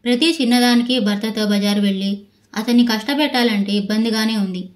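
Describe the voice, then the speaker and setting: Lady reading a novel out loud, steady, kinda high pitch. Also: a little fast, rough recording. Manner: steady storytelling. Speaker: audiobook narrator.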